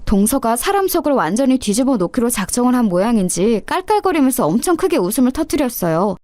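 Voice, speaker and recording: A woman narrates a first-person radio story with dramatic storytelling. Her voice is high and lively, recorded dry and close. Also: fast talker, no echo.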